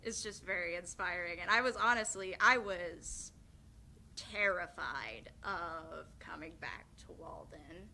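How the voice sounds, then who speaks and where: A woman's voice: lowish voice, slow pace, pushed and bright, a little hiss or hum. A young woman giving a nervous, giggly, rambling farewell speech as a graduating theatre student.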